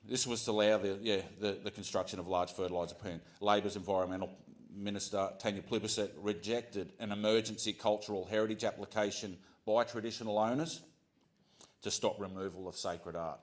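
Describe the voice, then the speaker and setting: An Australian man giving an earnest prepared speech to a community gathering, often pausing with ums and restarting his sentences. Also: on the low side, fairly even intonation. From Central Coast of New South Wales, Australia. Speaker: community speaker.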